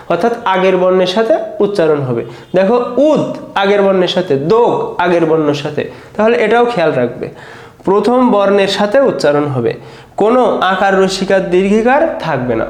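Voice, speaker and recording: A man teaches an exam-prep grammar lesson, patiently, one step at a time. He keeps prompting his students to look. The room echoes noticeably around him. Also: high-pitched.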